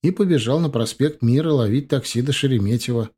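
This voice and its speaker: A man narrating an audiobook in the first person, in brisk storytelling. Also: medium pitch, mellow, breathy edge.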